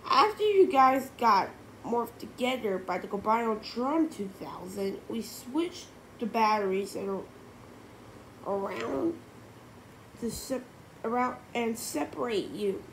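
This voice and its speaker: A clever schoolboy, read by a woman, explains a mix-up in a storybook reading, brisk and tripping over the words. The voice rises and falls in a lively way, with a faint hiss behind it. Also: fairly high pitch, creaky, pitched above the performer's own voice, exaggerated voice. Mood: explaining.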